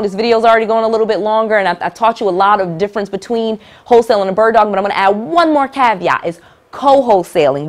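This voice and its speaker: A middle-aged woman teaching real estate investing to camera, emphatic and direct, repeating key points and checking in with "all right?". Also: medium pitch.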